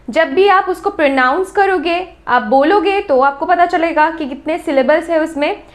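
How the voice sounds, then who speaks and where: A woman with an Indian accent teaching English grammar, explaining slowly and repeating sounds and words to demonstrate them. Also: high voice. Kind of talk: classroom-style lesson explanation.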